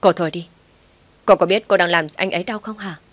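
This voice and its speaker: A woman's voice: lowish voice, fairly quick, fairly bright tone, breathy edge, no room sound. Woman narrator doing a desperate young woman, sobbing and pleading. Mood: angry.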